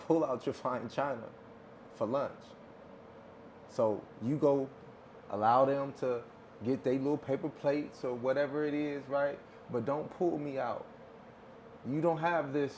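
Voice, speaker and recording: A man co-hosting a podcast, talking casually and soft-spoken, often stumbling over and repeating words. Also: medium pitch, a little hiss or hum. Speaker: podcast co-host.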